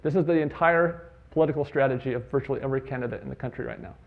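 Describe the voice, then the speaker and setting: A man giving a conference talk, telling stories in a conversational way with lively emphasis. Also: mid-range voice, racing, vocal fry, narrow, tinny audio. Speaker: conference speaker. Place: conference stage.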